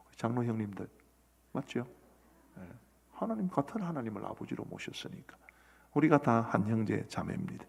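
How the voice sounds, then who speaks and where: A man's voice: medium pitch, darkish tone. A middle-aged man preaching a sermon as pastor, earnestly asking his congregation questions. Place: church sanctuary. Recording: long church hall reverb.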